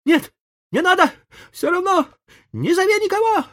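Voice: very high-pitched, animated, normal speed, fairly bright tone, voice pushed up. A whiny, melodramatic boy. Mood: whining. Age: child.

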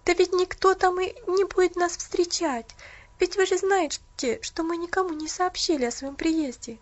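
A woman voicing an earnest, kind-hearted young girl who talks in a pleading, bright way. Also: very high voice, steady tone, normal speed, muffled recording, voice pushed up.

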